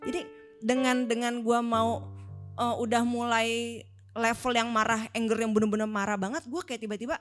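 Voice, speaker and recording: A woman's voice: fairly high pitch, flat delivery, moderate pace. A married woman, candidly telling a personal story on a faith talk show. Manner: candid, reflective. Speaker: co-host. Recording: music playing under voice.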